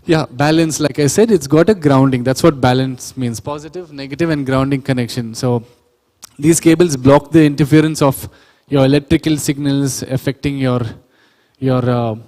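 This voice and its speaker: This sound engineering workshop is led by a man whose mid-range voice has a darkish tone and a normal pace, heard in a large hall, a church hall or auditorium. His explanations go step by step, with self-corrections and questions put to the audience.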